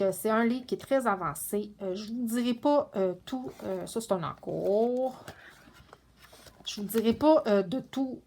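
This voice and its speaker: A woman's voice: mid-range voice, darkish tone. Chatty woman with loose, meandering speech. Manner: chatty, meandering, many fillers and restarts. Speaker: coloring book vlogger. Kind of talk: casual show-and-tell vlog.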